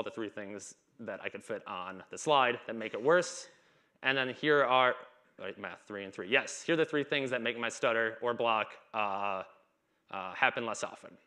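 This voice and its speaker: On a dark stage in a conference hall, a man in his thirties gives a talk in a casual, chit-chat style, stuttering, repeating himself and hitting blocks. His voice is medium in pitch, with a bright, forceful tone.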